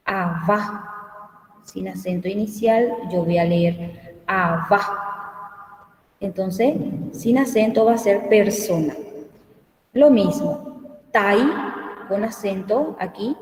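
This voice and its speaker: A woman teaching a language class, explaining slowly and checking often that her students follow. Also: medium pitch, darkish tone. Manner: slow, explanatory, checks understanding with frequent "¿sí?". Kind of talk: online class lecture. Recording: echoey room, voice from far off the mic.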